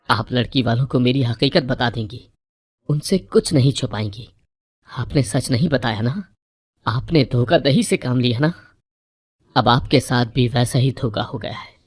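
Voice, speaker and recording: A woman voicing a calm young man in a wheelchair who speaks steadily and reproachfully in a storybook tale. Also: extremely low pitch, slightly rough.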